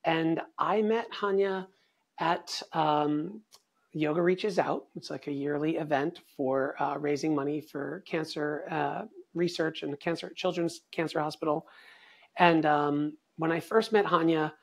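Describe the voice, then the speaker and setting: A man hosting an interview, animated and casual, piling up fillers as he talks. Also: a little high, a little slow, creaky. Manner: animated, filler-heavy, says "like" a lot. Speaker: podcast host.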